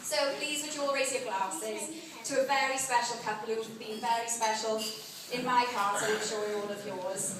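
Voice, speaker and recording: A woman's voice: a little high, fairly even intonation, normal speed, crowd noise. A young woman giving an informal, affectionate and teasing wedding toast as bridesmaid. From South Wales. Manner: jokey, teasing delivery. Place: large indoor wedding reception room, on a microphone. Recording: echoey hall from far off, music behind.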